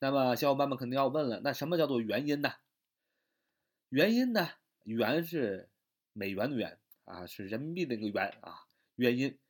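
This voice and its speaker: A man teaching English grammar in Chinese, explaining step by step with many drawn-out fillers and repeated points. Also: medium pitch, very animated.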